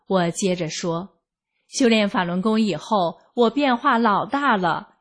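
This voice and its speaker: A woman reading a first-person testimony aloud in a slow, measured, earnest narration. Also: mid-range voice.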